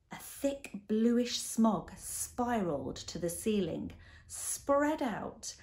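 A woman reading a children's chapter book aloud with expressive, unhurried narration. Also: mid-range voice. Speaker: audiobook reader. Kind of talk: storybook reading.

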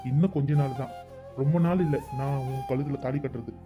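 A woman's voice: extremely low pitch, brisk. A woman voicing Kathir, a playful, devoted young man in a cartoon, coaxing, teasing and protective. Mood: tender. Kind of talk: cartoon voice acting. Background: background music.

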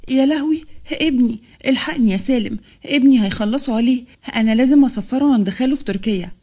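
A woman's voice: on the high side, fast, dark tone. A woman voicing a frantic, insistent middle-aged mother. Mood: anxious. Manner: pleading, insistent.

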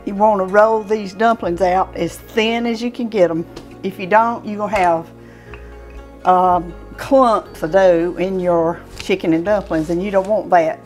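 With soft music in the background, a home cooking show host in her sixties gives a folksy, informal demonstration in her home kitchen, walking through each step as she goes. She has a Southern US accent and a mid-range, steady, slightly mellow voice at a measured pace, recorded through a clip-on lapel mic.

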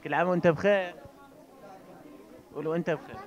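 A man in his thirties with a Syrian Arabic accent, a TV reporter interviewing children and parents in a shop, playful with the kids and warm with adults. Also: fairly high pitch, steady tone, quick pace, muffled recording, over music. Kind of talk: street interview. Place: busy indoor children's clothing shop. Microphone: handheld reporter mic. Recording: crowd chatter behind.

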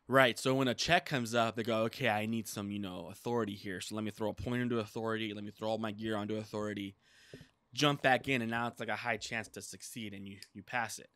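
A man in his thirties co-hosts a podcast and rambles fast through a relaxed chat, packing in "like" fillers and animated retellings. His voice sits a little low. He's recorded close on a boom-arm desk mic in a small studio with a dark curtain behind him and very little echo.

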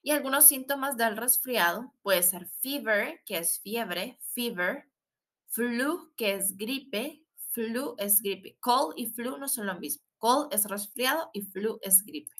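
Bright-voiced woman teaching English. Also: a little high, expressive. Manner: explains in Spanish, models English words slowly, adds tag questions. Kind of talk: recorded online language lesson.

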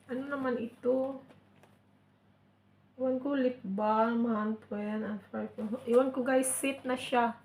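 Filipina woman vlogging slow and chatty, gravelly higher voice, giggly, echoey room w faint hiss. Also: fairly even intonation, darkish tone. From Philippines. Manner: chatty, giggly, repeats herself. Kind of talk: casual unboxing vlog.

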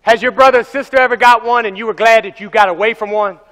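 A young man preaching a sermon as pastor, animated and telling stories with acted-out voices. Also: high voice, fast, some chatter behind. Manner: animated storytelling, acting out voices. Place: large church hall. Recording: echoey church hall.

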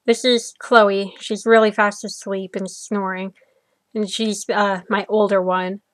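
A woman's voice: medium pitch, flat delivery, unhurried. A young woman vlogging to her webcam from her computer desk at home, chatty and cheerful, cooing now and then at her dog. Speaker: vlogger and violinist. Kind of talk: casual chat to camera.

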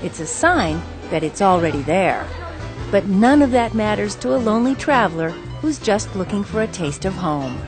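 Lively-voiced woman reporter narrating. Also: mid-range voice, normal speed, over music, rough recording. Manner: upbeat, chatty on camera. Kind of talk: scripted news feature narration.

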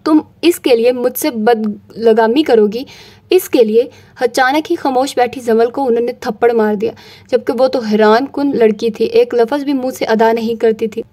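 A woman narrating a romance novel as an audiobook, reading in a steady storytelling manner. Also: on the high side, moderate pace.

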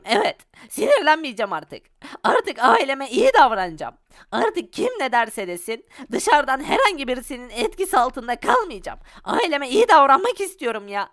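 A woman's voice: sits high, a bit bright, dry recording, studio quality, full character voice. A woman voicing a confused, moody poor father in a Minecraft parody, fretting aloud to himself. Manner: fretful, talking to himself.

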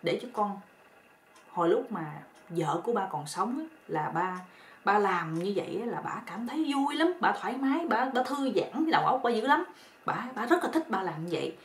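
A woman voicing a kindly seventy-year-old father-in-law who speaks in a soft, coaxing way. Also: mid-range voice, big pitch swings, moderate pace. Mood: gentle. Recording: roomy echo with faint noise.

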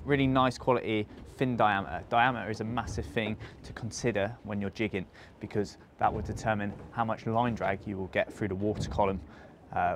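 Young male boat skipper, easygoing how-to delivery, on a camera mic out on deck with clear wind and sea noise behind him. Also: fairly low pitch. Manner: relaxed, practical explaining with fillers. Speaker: fishing charter skipper. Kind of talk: instructional fishing tips to camera.

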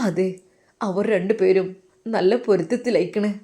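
A woman voicing a loving elderly father in his sixties or older, soft and tearful. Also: mid-range voice, normal speed, pitched below the performer's own voice, close to an everyday voice.

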